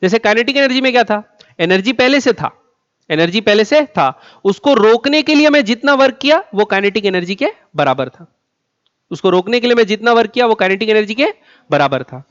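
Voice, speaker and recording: In a classroom lecture on physics, a high-pitched man poses questions to the class and answers them himself. He is animated, with a fairly bright tone, slowing down and repeating key words for emphasis, and the audio is dull and lo-fi.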